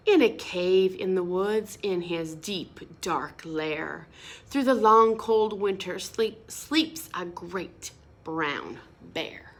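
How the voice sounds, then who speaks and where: In a lowish voice, a woman reads a picture book to children, sing-song and expressive. She stops now and then to explain words and ask the kids questions.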